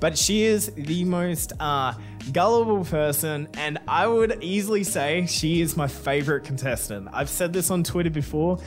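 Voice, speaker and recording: Young guy, crude and joking, slightly high voice, soft music behind. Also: normal speed. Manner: crude, blunt, joking, frequent swearing. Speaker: YouTuber answering fan questions. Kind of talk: casual Q&A.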